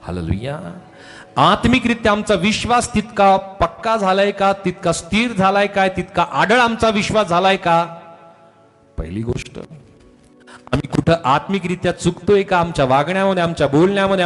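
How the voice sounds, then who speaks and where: A man preaching a sermon as pastor, often calling out hallelujah and swinging between loud calls and quiet asides. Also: fairly high pitch, big-room sound. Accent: Marathi. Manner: repeats hallelujah, swings from shouts to soft asides. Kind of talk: Marathi sermon.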